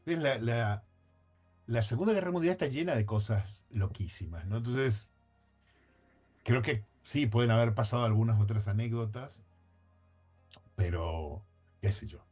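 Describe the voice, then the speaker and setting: A man's voice: medium pitch, a little slow, long pauses, darkish tone, faint music behind. A man talking as a podcast guest, thinking aloud in a hedging, conversational way with frequent restarts and self-corrections.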